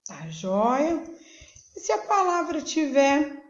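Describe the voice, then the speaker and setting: A woman teacher with a Brazilian Portuguese accent gives a recorded lesson for young pupils, explaining slowly and patiently and often checking that they follow. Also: sits high, very animated. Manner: slow, patient, checks in with "tá joia?". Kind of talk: recorded remote school lesson. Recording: echoey room, dull lo-fi sound.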